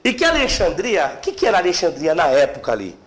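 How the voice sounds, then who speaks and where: Man, middle-aged, theology teacher, lively lecture, high voice. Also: fast talker. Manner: lively, questions the class, stresses terms. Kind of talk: classroom lecture. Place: seminary classroom.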